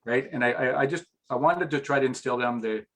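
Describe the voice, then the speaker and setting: A man's voice: mid-range voice, a little fast, a bit bright. A middle-aged man as an interview guest, chatting casually and rambling with restarts, getting emotional at times.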